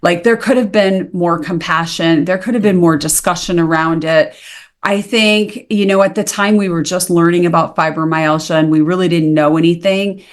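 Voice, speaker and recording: A woman in her fifties from the United States sits in as an interview guest, telling a personal story in a fairly low voice. She talks with energy and voices the people she quotes as she goes. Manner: animated retelling, acts out quoted dialogue. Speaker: guest, naturopathic practitioner.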